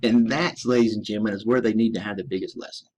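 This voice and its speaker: Speaking fast in a lowish voice with fairly even intonation, this former American serviceman launches into a profane, emphatic rant. He addresses his audience as ladies and gentlemen.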